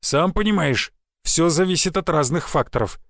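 A man reading plays a genial, burly sawmill owner with a booming low voice who speaks slowly and thoughtfully. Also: lively intonation, fairly bright tone, no room sound, clean studio sound. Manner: slow, thoughtful.

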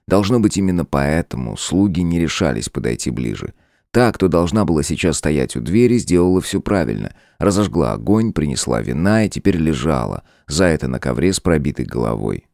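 A man narrating a fantasy audiobook in an expressive storytelling manner. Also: very deep voice, fairly quick, creaky, no echo, studio quality. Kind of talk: scripted narration.

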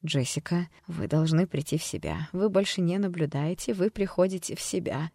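An audiobook reader playing a calm female psychotherapist who speaks slowly and soothingly, like in a hypnosis session. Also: medium pitch, gravelly, no room sound, studio quality. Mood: firm. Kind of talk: audiobook character voice.

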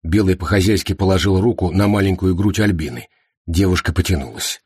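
Husky guy narrating an audiobook, even reading, dry close sound. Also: sits low, fairly quick, no echo. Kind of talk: scripted narration.

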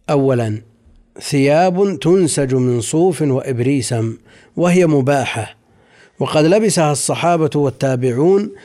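Mellow-voiced man giving a scholarly lecture. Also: mid-range voice. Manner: measured, dwells on word forms and quotes. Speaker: scholar explaining hadith.

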